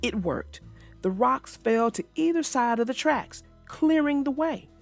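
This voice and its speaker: With soft music in the background, a woman narrates and chats expressively for young children, talking right to her young readers. Her voice is high and animated, and she's unhurried.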